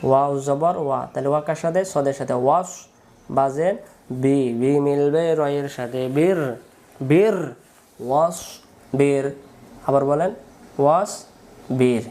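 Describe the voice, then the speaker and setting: A man's voice: fairly high pitch, measured pace, pauses often, a little mellow. A man teaching Quran reading in a patient, repetitive syllable-by-syllable spelling drill. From Bangladesh.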